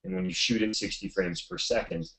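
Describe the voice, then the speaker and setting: Deep-voiced middle-aged male guest, animated storyteller, loose and chatty. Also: fairly quick, vocal fry, rough recording. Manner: animated storyteller, many fillers and restarts. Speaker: photographer guest. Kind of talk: casual storytelling in a webinar.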